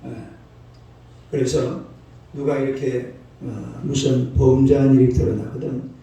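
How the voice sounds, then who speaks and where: This dawn sermon comes from a pastor in his sixties whose medium-pitched voice is steady, warm, and a little slow. Folksy and scolding, he gets the congregation to respond, all captured by a far-off mic in an echoey church hall with faint noise.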